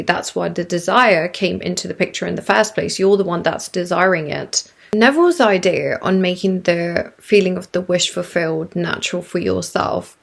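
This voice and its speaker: A congested woman with croaky vocal fry, explaining self-help ideas to her viewers in a reflective way. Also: mid-range voice. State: congested from a sinus illness. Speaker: YouTube creator.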